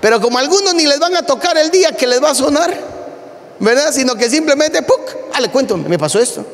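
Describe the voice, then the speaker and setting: Male pastor, sermon, high voice, swooping lively delivery, storytelling, long church reverb. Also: brisk. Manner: animated storytelling preacher; addresses listeners as brother. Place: church hall.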